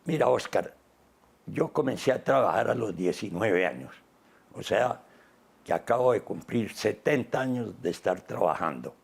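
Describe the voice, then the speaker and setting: A man, speaking as an interview guest in an unhurried, reflective way, pausing often. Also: on the low side, expressive, gravelly, husky. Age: 80s. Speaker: interview guest, business founder.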